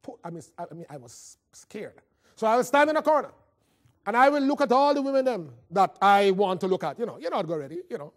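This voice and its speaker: A motivational speaker with a Caribbean accent tells funny personal stories, acting out dialogue in a theatrical yet conversational style. His voice is high, animated and quick.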